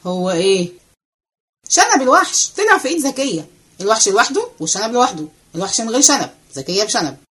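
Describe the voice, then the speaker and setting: A woman voicing a restless, cheeky young male servant with an Egyptian accent, chattering fast and excitedly. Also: fairly high pitch, husky, heavily acted. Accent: Egyptian Arabic. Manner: excited rapid chatter, running commentary.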